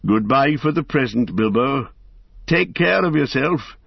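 A man playing a stern, wise old wizard who speaks in slow, measured commands. The voice is gravelly and husky. It sits in a dry, slightly dull storybook recording. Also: medium pitch, expressive, no echo, pitched above the performer's own voice, heavily acted. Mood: firm.

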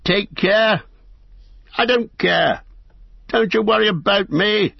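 A man's voice: fairly high pitch, lively intonation, unhurried, creaky, breathy edge, no room sound, voice pushed up, heavily acted. Bilbo, a man doing a fluttery old hobbit. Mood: elated. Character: elderly male hobbit, fussy and excitable. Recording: dry, slightly dull recording.

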